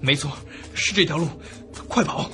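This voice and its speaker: An actor playing a terrified young man narrates his own horror ordeal in a Chinese suspense radio drama, his slightly high voice moving at normal speed. He sounds breathless and urgent, swinging from hushed tones to panic in a lightly acted, dramatic performance over dramatic background music.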